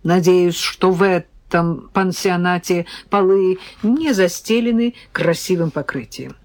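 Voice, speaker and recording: A woman's voice: lowish voice, a little slow. A woman reading an audiobook, voicing a cheerful, chatty young woman who teases her friend. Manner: lively, chatty, playfully bossy. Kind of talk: audiobook character voice.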